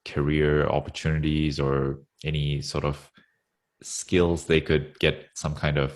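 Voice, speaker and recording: Male guest in his 30s, very low voice, easygoing and chuckly, video-call audio. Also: measured pace. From Sri Lanka. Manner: relaxed, chuckles often, hesitant fillers. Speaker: interview guest. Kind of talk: casual interview talk.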